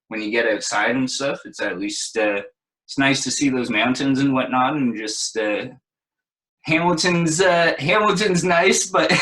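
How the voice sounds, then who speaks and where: A young man with a low-pitched voice but a bright, forceful tone. He talks in a laid-back, rambling way full of fillers, like easy casual chat. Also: low-quality recording. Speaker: guest DJ and producer.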